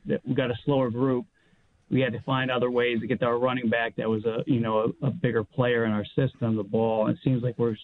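A man calling in to a sports radio show over the phone, speaking in a hurried, plain-spoken way and often stopping to correct himself. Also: medium pitch. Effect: phone line. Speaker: caller. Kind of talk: casual call-in chat. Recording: tinny phone line.

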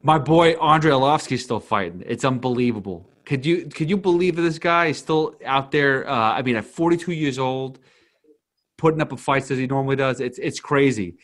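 A man's voice: mid-range voice, moderate pace, fairly bright tone, no echo, clean studio sound. A man hosting a sports podcast, talking casually in an emphatic, colloquial way and often repeating his phrases. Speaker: podcast host. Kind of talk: casual MMA podcast talk and commentary.

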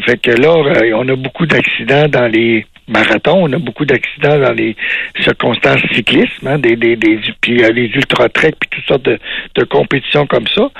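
A man with a Québécois French accent, a cardiologist being interviewed on the radio, explaining in a measured way with unhurried pauses. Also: mid-range voice, creaky, fairly bright tone, slightly rough, no echo, poor audio. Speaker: cardiologist guest.

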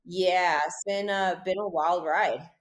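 Low-voiced woman chatting easily. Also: slow. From Hawaii. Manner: relaxed, rambling, heavy use of "like". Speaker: guest, pro surfer. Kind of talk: casual interview chat.

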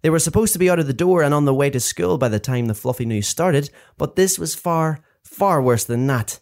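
A man reading his own book aloud in lively, animated storytelling. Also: a little high, brisk. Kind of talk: expressive audiobook narration.

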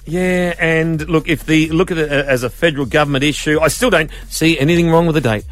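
A man's voice: on the high side, steady tone, a little fast, a bit bright, dry recording. A man with an Australian accent hosting casual talkback radio in a matey, blokey way. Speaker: radio host.

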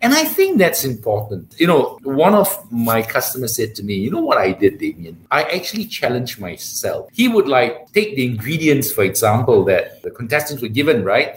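Brief: male chef as interview guest, lively emphatic delivery, echoey room with faint noise. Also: mid-range voice, moderate pace, hardly any pauses. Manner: animated, emphatic, repeats words for stress. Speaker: chef and cooking show judge.

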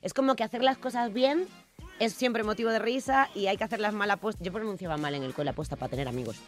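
Woman guest telling a story, slangy and self-mocking, mid pitch, faint music. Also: fast. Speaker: podcast guest. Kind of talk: casual storytelling chat.

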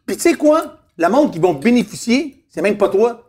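A man's voice: sits high, very animated, normal speed, darkish tone. A man, telling stories emphatically in a casual chat and asking rhetorical questions. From Montreal, Quebec. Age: 50s.

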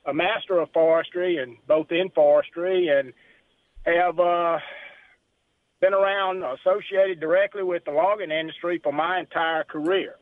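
A man's voice: a little high, fairly even intonation, no echo. Southern man on a tinny phone line. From South Carolina. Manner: friendly, folksy, halting with fillers. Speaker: timber association president, guest. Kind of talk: casual radio interview.

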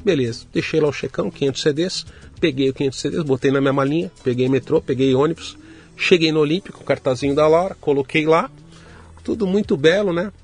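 A middle-aged man from Brazil, telling his story to an interviewer in a casual, lively way and acting out the voices of the people in it. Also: fairly high pitch, quick pace. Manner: lively anecdotal, acts out quoted dialogue. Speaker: guest entrepreneur.

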